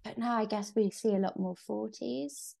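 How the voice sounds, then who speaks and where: A woman's voice: medium pitch, moderate pace, vocal fry, dark tone. A woman talking casually as an interview guest, rambling a little and thinking aloud with many fillers. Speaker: interview guest, pole athlete. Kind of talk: casual conversation.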